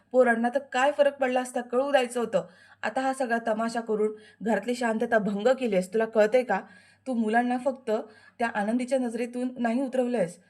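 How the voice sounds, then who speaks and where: A woman's voice: on the high side, a little mellow, natural voice. A woman voicing an angry, stern woman from a serial who harshly scolds a relative. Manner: scolding, fierce.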